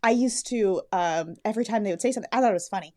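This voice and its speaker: A woman's voice: mid-range voice, racing, dark tone. A woman podcast co-host chatting in an amused way. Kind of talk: casual chat.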